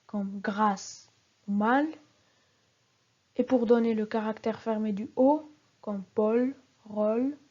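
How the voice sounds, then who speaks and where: A woman with a slightly high, mellow voice leads a recorded spelling lesson. She speaks very slowly and breaks example words into syllables one at a time. The recording sounds dull and lo-fi. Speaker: spelling teacher.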